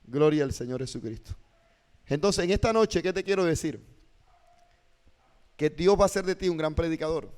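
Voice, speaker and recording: A man teaching a preaching class as a pastor, lively and constantly checking in with his listeners. His voice sits a bit high for a man. It rings with long reverb. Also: moderate pace, long pauses. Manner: animated, asks "¿sí o no?" of listeners. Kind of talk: classroom lecture with preaching demonstrations. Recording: hall reverb.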